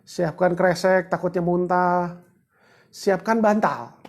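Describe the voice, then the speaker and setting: A woman's voice: fairly low pitch, fairly even intonation, slow, darkish tone. A woman giving a chatty, joking livestreamed teaching talk, greeting viewers and walking them through steps. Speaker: book discussion presenter.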